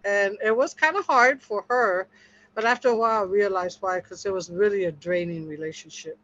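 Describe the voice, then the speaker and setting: A woman's voice: mid-range voice, fairly quick, fairly bright tone, no room sound. Woman, earnest storytelling testimony, fellowship group chat, dull muffled sound. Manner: earnest, storytelling, acts out quotes with laughter. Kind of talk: casual testimony in a group discussion.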